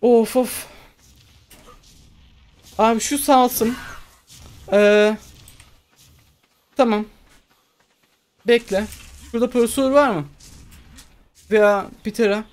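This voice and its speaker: A woman giving casual commentary while playing a survival game, excitable and talking to herself as she goes. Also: fairly high pitch, very slow, pauses often. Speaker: gamer. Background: faint game music.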